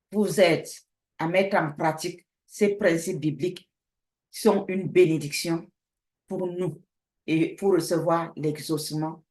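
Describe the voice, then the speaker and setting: Lively woman pastor in an echoey room. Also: on the low side. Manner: lively storytelling, acts out both sides of a dialogue. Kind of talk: sermon with a told testimony.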